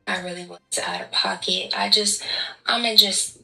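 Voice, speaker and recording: A woman speaking in character during a game roleplay, emotional and apologetic, halting and restarting as she talks. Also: mid-range voice, steady tone, creaky, pushed and bright, echoey room, recorded from a distance, soft background music, poor audio. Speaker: roleplay gamer.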